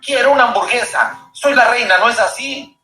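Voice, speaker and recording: Man putting on a shrill spoiled little girl. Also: normal speed, bright, forceful tone. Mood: demanding. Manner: shrill, demanding, whiny. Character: spoiled cruel little girl turned queen. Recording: roomy echo with music bed.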